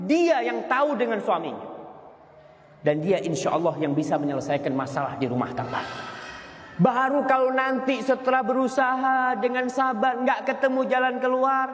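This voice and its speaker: A male preacher giving a sermon on marriage, telling stories, his voice leaping higher for emphasis. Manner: storytelling, voice leaps higher for emphasis. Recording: echoey hall with long reverb, faint noise.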